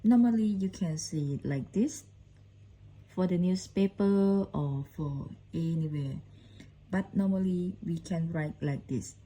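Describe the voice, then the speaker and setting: Lao-woman teacher, unhurried, low husky voice, repeats every sound. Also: warm tone, rough recording. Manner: slow, repetitive, says each sound several times. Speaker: language teacher. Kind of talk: casual short-form language lesson.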